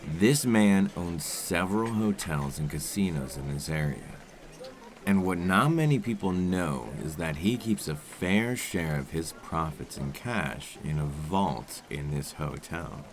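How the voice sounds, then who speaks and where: A man playing a suave, menacing criminal in a scripted ASMR role-play, with a smooth, condescending, impatient and commanding manner. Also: low-pitched, animated, a little slow. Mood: smug, controlled. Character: suave, menacing male criminal coaxing a captive dinner date.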